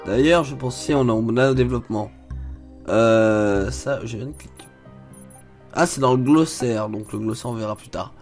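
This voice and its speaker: A man's voice: mid-range voice, normal speed, a little mellow. Young male let's-play host, chatty and loose, walks through menus as he clicks, faint game music behind. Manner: chatty, explains menus as he clicks, frequent fillers. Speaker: gaming video host. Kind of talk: casual let's play commentary.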